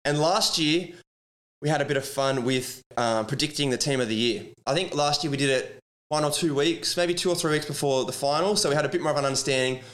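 A man's voice: fairly high pitch, fairly quick, fairly bright tone. An Australian man hosting a sports podcast in casual chat, with a blokey, matey, slangy manner like a tradie.

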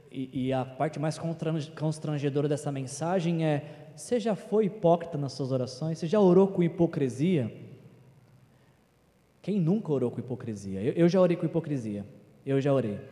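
High-voiced preacher in an echoing hall. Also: male voice. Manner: animated, acts out quoted voices. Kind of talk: sermon. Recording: long reverb in a large hall.

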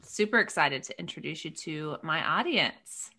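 A woman's voice: deep voice, expressive, moderate pace, sharp tone. A woman hosting a podcast, introducing her guest and interviewing her in an enthusiastic, encouraging way. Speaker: podcast host.

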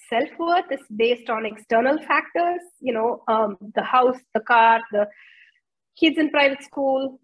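A woman, hosting a podcast and telling her own story in an earnest, reflective way with frequent filler pauses. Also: on the high side, highs cut off. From India. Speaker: podcast host and somatic practitioner.

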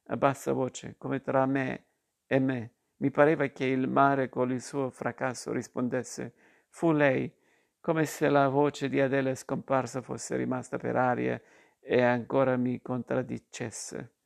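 Gravelly-voiced man reading a story. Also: mid-range voice. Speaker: reader. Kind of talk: audiobook reading of a literary story.

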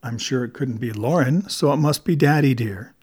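A lazy, flirtatious femme fatale in a detective audiobook, as a male narrator puts her on, purring her lines soft and low. She teases with slow, drawn-out words. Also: slightly rough, lightly acted. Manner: purring, teasing.

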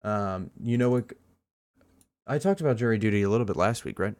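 Male podcast co-host, slightly low voice, rambling enthusiastic casual chat. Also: brisk, darkish tone. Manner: rambling, enthusiastic, many fillers.

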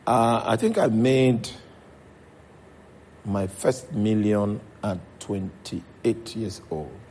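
A man's voice: lowish voice, a little mellow, slightly rough. A man with a Nigerian accent preaching a sermon as pastor, checking in with his congregation as he goes.

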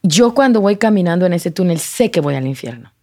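Woman telling her testimony, halting. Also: on the low side, lively intonation, a little mellow, no room sound, studio quality. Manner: emotional storytelling, halting restarts, slips into English. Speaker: guest sharing testimony. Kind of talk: personal testimony in conversation.

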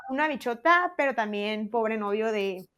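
Young woman, lively podcast storyteller. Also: a little high, normal speed. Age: young adult. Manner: animated, laughing, acting out her own quotes. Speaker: podcast co-host. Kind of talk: casual storytelling chat.

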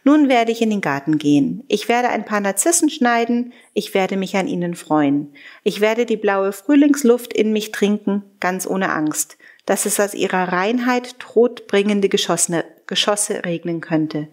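A woman's voice: medium pitch, expressive, measured pace. Woman reading a wartime diary, earnest. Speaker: reader.

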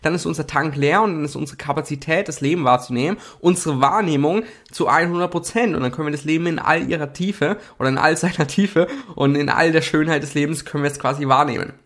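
A man's voice: fairly high pitch, quick pace, hardly any pauses, fairly bright tone. A young man hosting a self-help video, explaining casually while he draws, with slang and many fillers. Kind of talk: casual explanatory talk while drawing slides.

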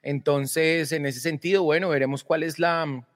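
A man's voice: fairly high pitch, steady tone, moderate pace, in a large hall. A man hosting a football talk show, speaking casually and hesitantly with many fillers. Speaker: sports show host.

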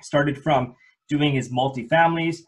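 A man's voice: on the high side, steady tone, a little slow, rough recording. A man hosting a podcast interview, upbeat and chatty, often restarting his sentences. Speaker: podcast host. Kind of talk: casual interview chat.

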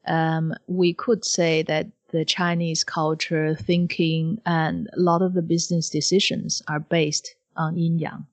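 A woman's voice: low voice, level tone, measured pace, few pauses. A woman co-hosting an explanatory podcast discussion, choosing her phrasing carefully and with some hesitation. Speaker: podcast co-host.

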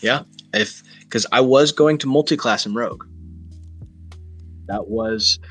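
A man's voice: mid-range voice, measured pace, a bit bright, faint music behind. A man hosting a podcast, chatting casually and rambling through jokes and banter. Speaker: podcast host.

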